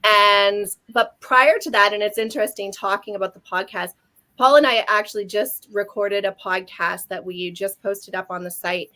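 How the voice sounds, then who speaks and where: A woman's voice: medium pitch, steady tone, normal speed, sharp tone. A Canadian woman in her forties talks through her story on a casual webinar. She speaks earnestly and often restarts her sentences. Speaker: guest speaker.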